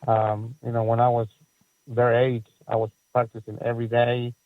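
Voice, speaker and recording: The voice is a man's, medium in pitch and monotone, at a moderate pace with no room sound, coming through a tinny phone-like line. He's a Chilean in his forties with a Chilean Spanish accent, a guest in a casual interview who owns a soccer facility and coaches, rambling with many fillers and restarts.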